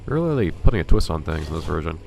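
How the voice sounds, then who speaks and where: This let's play host has a very deep, creaky, darkish voice that sounds stuffy, and he talks fast and very animatedly. His casual commentary on the video game he's playing is dry and wry, with slight background noise.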